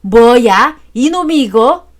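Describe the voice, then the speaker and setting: A woman voicing a grumpy older father-in-law who scolds loudly, in a storybook drama. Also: a little high, a little slow, natural voice. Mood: scolding. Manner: loud and scolding.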